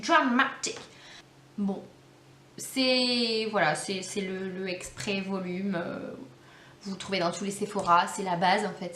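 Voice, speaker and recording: A woman's voice: medium pitch, a little hiss or hum. A woman giving a casual makeup tutorial, chatty and hesitant, with many fillers. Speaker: beauty vlogger. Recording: echoey room, faint background music.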